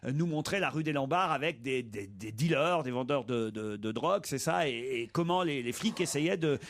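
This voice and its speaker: A man's voice: medium pitch, expressive, moderate pace. A man hosting a radio call-in show, joking with callers and laughing, talking with many fillers and restarts.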